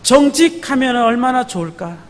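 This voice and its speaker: A man's voice: very high-pitched, expressive, moderate pace. A man preaching a sermon as pastor, emphatic, often asking the congregation for a response. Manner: emphatic, calls out to the congregation with repeated "예?". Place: church sanctuary. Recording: long hall reverb, faint background noise.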